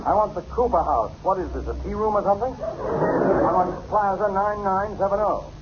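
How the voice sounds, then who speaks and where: A man's voice: high-pitched, normal speed, heavy background noise, natural voice. An actor playing an impatient, brusque businessman on the telephone in a 1940s radio comedy. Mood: exasperated. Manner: brusque, exasperated. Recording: muffled 1940s radio recording.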